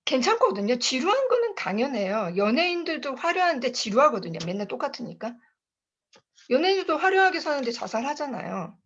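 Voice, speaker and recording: Woman, motivational speaker at a sales meeting. Chatty storyteller, laughs often, lively sing-song delivery, muffled call audio. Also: high-pitched, fairly quick. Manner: chatty, laughs often, addresses listeners as bosses. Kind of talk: motivational talk with personal storytelling. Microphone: online video call.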